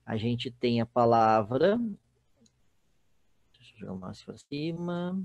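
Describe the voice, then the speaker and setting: A man's voice: mid-range voice, animated, takes it slowly, gravelly, darkish tone, dry recording, muffled recording. A man with a Brazilian Portuguese accent teaching a recorded online class, explaining step by step and often checking in with the students. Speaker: Spanish teacher.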